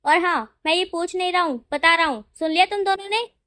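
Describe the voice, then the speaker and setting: A woman's voice: very high voice, a little fast, pushed and bright, pitched above the performer's own voice. A woman voicing a stern older uncle who lectures and scolds in mock anger. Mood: mock-angry. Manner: lecturing, exasperated.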